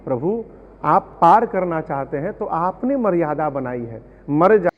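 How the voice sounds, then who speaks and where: High-pitched guy telling scripture stories, sings bits of verse, sounds tinny and echoey like through a phone in a big hall. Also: sing-song, measured pace. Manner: explains scripture with verses and parables. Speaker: Ramayana storyteller. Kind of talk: devotional discourse with sung verses.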